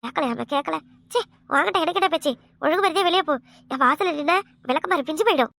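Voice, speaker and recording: A woman doing a shrill, scolding village mother-in-law. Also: expressive, fast talker, creaky, a bit bright, dry recording, clean studio sound, heavily acted. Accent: Kanyakumari Tamil. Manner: scornful, scolding, harsh insults. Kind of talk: cartoon comedy voice acting.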